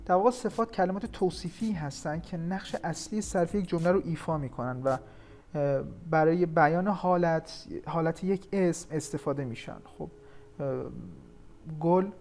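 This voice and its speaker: A man from Iran teaching an English grammar lesson, explaining patiently and slowing down to read English example sentences. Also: fairly high pitch, a little mellow, a little hiss or hum.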